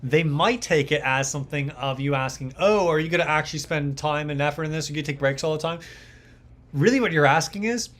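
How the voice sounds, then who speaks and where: A fairly high-pitched, fast-talking young man with a fairly bright tone hosts a live mixing stream. He's a mixing engineer chatting casually to his livestream, rambling along with lots of fillers and words said over and over.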